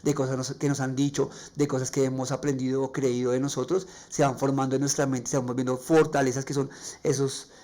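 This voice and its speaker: A man with a Colombian accent and a nasal, raspy voice, hosting a faith-based podcast monologue and sharing personal stories earnestly. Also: mid-range voice, level tone, brisk, mellow. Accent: Colombian Spanish. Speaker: podcast host.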